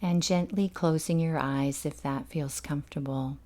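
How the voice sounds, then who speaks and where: Her voice low and steady, a woman talks listeners through a guided meditation, gently and without hurry. She soothes rather than directs, pausing at length between each instruction.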